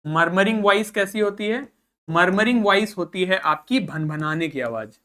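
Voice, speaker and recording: A man's voice: sits high, normal speed, a bit bright. A man teaching a vocabulary lesson, explaining each word patiently and repeating it for students to echo, switching between Hindi and English.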